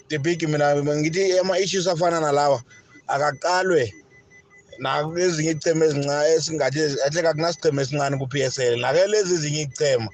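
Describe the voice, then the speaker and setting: A man's voice: on the high side, a little mellow, slight background noise. A South African man calling a sports show, giving his opinion casually.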